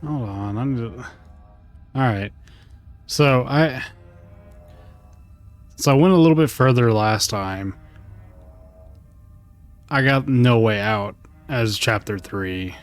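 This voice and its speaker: A man's voice: medium pitch, slow, long pauses, faint music behind. A man chatting casually and wryly while playing a game, with joking, rambling asides. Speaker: let's play gamer. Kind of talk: casual gaming commentary.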